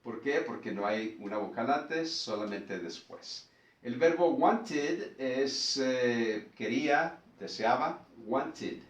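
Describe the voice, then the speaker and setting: A man gives a lesson at a very slow, deliberate pace, saying practice words over and over. His voice sits at an ordinary pitch. He is recorded from some distance in a room with noticeable echo. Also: animated. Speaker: English teacher. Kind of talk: explaining a lesson.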